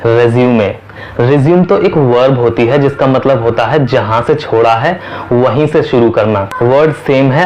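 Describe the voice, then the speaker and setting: A man with an Indian accent teaching an English lesson, explaining in Hindi and repeating each English word slowly to drill it. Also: mid-range voice, a little mellow, slight background noise, low-quality recording. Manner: switches between Hindi and slow, careful English.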